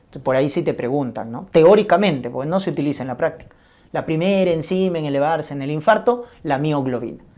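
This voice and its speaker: A woman with a low, mellow voice teaches a medical class. She walks through each point slowly and repeats it. She keeps checking in with her listeners. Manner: didactic, repeats key points with frequent checks like "¿ya?". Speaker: medical lecturer. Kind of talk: medical lecture on ECG and cardiac markers.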